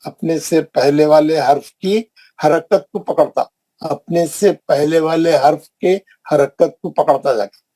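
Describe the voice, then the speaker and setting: A man's voice: on the high side, dark tone, slightly rough, low-quality recording. A man teaching an online Quran recitation class, repeating points and quizzing his students. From India. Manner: repetitive, questioning, drilling the class.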